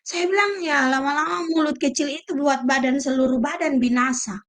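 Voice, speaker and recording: A middle-aged woman preaches with a high, bright voice. Her delivery is emphatic and lively, and she breaks into acted-out quotes. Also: normal speed. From Indonesia. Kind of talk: sermon.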